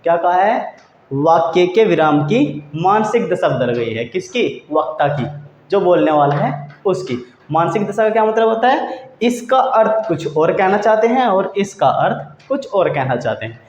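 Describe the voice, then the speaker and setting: A man's voice: high-pitched, sing-song, a little slow, darkish tone, a little hiss or hum. A man teaching a grammar lesson, who repeats key points and asks and answers his own questions. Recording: roomy, dull lo-fi sound.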